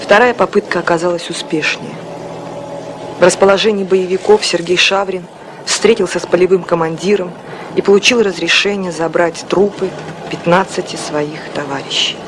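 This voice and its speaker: A man's voice: sits high, steady tone, normal speed. A man reading scripted documentary narration. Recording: loud background noise.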